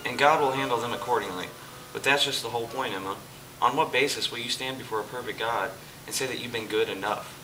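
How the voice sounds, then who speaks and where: A church play actor portrays a calm, patient Jesus in an amateur stage production, his mood earnest and patient. He talks fast in a natural, medium-pitched voice on an indoor church hall stage, recorded by a far camera with music playing behind.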